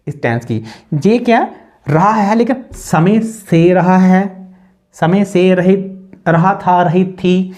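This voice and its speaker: A man teaching a spoken-English lesson at a board in a classroom. He gives brisk explanations with frequent checks, then draws out the example sentences slowly and repeats them. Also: on the high side, dark tone.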